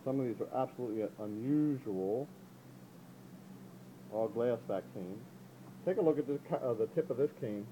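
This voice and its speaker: Chatty auctioneer man with a mellow voice. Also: normal speed, pauses often, a little hiss or hum, rough recording. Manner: chatty, upbeat pitch with frequent "ladies and gentlemen". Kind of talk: walk-through preview of auction items. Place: indoor antique gallery. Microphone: handheld camera mic, speaker behind the camera.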